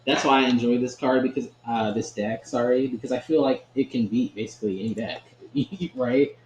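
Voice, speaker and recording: A man's voice: medium pitch, fairly even intonation, normal speed, dull audio. A man talking through his card game in a loose, chatty way, tagging "right?" onto his thoughts and laughing easily. His mid-range voice rings in a roomy, echoey space with a faint hum of ambience behind it. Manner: chatty, keeps asking "right?", laughs often. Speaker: gaming channel host. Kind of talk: casual gameplay commentary.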